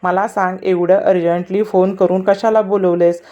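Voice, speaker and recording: A woman voicing a young man who is a blunt, loyal best friend in a spoken story, talking loud and direct. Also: mid-range voice, flat delivery, moderate pace, muffled recording, close to an everyday voice.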